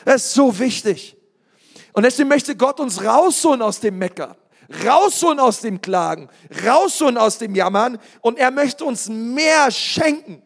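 High-voiced emphatic male pastor preaching. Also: expressive, a little slow, vocal fry. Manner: emphatic preaching, rising to shouts, speaking straight to the congregation. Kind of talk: sermon.

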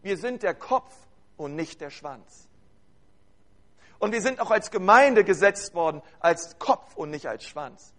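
A man's voice: high voice, animated, measured pace, pauses often, a bit bright. A man preaching a sermon to his congregation. He speaks earnestly and urges them on, repeats phrases and addresses his listeners directly.

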